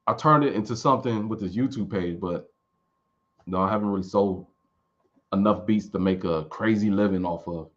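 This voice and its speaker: A man in his late thirties with a lowish voice talks at a normal speed over lo-fi audio. He's a music producer in a casual live chat, answering viewers in a loose, rambling way and often restarting his sentences.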